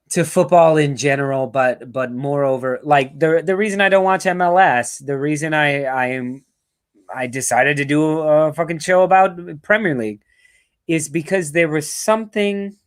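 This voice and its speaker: A man from the New Orleans area hosting a live football fan show, talking in a rambling, profane, casual way and reading viewer comments aloud. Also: on the high side. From New Orleans area, United States. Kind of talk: casual live-stream chat.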